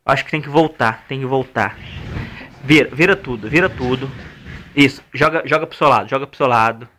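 A man's voice: medium pitch, fairly quick, a bit bright. A young man with a Brazilian accent chatting casually as he urges others on in repeated, sweary bursts while moving furniture. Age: young adult. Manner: urging, repetitive exclamations, swearing. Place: small laundry room by an outdoor entrance. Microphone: handheld camera or phone. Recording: noisy handheld amateur video with clicks.

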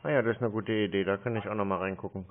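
A man with a lowish, steady voice poses as a call target on a lengthy phone call, the line sounding tinny. Slow and hesitant, he stalls using hums, fillers and small complaints.

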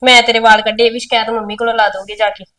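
A woman's voice: on the high side, flat delivery, rapid-fire, a bit bright, natural voice. A woman playing a sulky, resentful younger sister who argues with her elder sister. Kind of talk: village short film acting.

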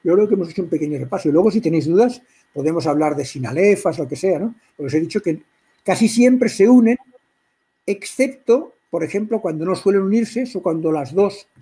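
Catalan-accented man lecturing on poetry, husky. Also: sits high, expressive, mellow, low-quality recording. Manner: halting, many restarts and throat clearing. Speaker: workshop speaker on poetry. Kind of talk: informal lecture to a writers' group.

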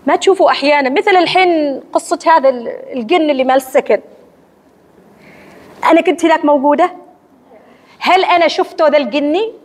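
A woman with an Omani accent giving a religious lecture to women in a mosque hall, asking and answering her own questions in a lively teacherly way. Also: sits high, fast, long pauses. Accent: Omani Arabic. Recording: long hall reverb.

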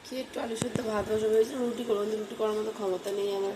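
A woman's voice: fairly even intonation, racing. A young woman, talking through a casual home vlog while feverish and worn out, in a tired, subdued way. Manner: tired, low-key and subdued. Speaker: vlogger. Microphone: phone camera. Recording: noisy home phone recording.

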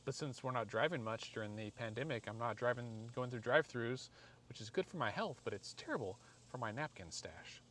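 A medium-pitched, fairly bright American man in his forties talks animatedly and fairly quickly while installing a product, keeping his how-to vlog casual, rambling and self-deprecating. He works in a driveway and inside a parked car. The camera or phone mic, arm's length to a few feet off, records noisy audio with clear background noise.

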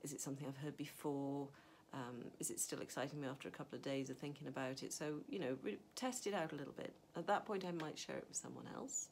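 A middle-aged woman novelist gives casual advice to camera from her home study, where a map hangs on the wall, chatting and thinking aloud with fillers and restarts. She speaks fast in a low, slightly mellow voice with hardly any pauses, over a little hiss or hum.

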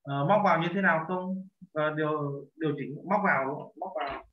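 A man teaching a language lesson, patiently correcting pronunciation and slowly repeating phrases. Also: fairly high pitch. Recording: echoey, dull lo-fi room sound.

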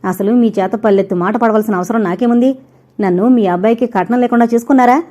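A woman voicing a defiant young daughter-in-law who shouts rapidly and relentlessly, in a dull lo-fi recording. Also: on the high side, close to an everyday voice. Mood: furious.

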